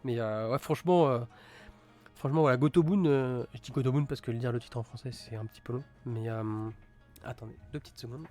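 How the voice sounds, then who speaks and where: Male streamer, mid-pitched, chatty and halting, soft music under the voice. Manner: rambling, many fillers and restarts; enthusiastic about gory titles. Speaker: streamer reviewing manga. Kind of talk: casual live-stream chat.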